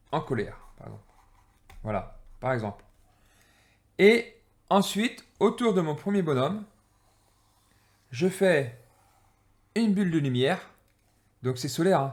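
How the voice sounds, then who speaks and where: A man at a middle pitch talks through a drawing exercise step by step. He speaks in a halting way, full of pauses and fillers, and sounds drained and irritated. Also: darkish tone. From France. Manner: halting, many fillers and restarts. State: low-energy, irritated. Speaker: energy-healing teacher. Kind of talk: explaining while drawing.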